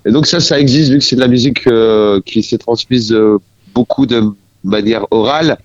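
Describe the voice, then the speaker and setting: A man in his forties from France, a musician speaking as a guest in a casual radio interview, halting and searching for his words. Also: medium pitch, darkish tone, no echo, dull audio.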